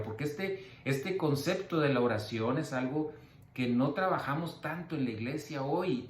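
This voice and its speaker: A male pastor giving a Bible-study sermon, teaching in a steady way and slowing down to spell out and repeat key words. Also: mid-range voice, roomy sound. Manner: teacherly, slow emphatic word-by-word explanations. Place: church.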